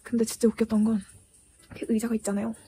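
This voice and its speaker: Young woman vlogging a storytime, mellow warm voice, acts out the quotes, soft music behind. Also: on the high side, fast. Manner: animated retelling with acted-out quotes. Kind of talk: casual storytime chat. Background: soft background music.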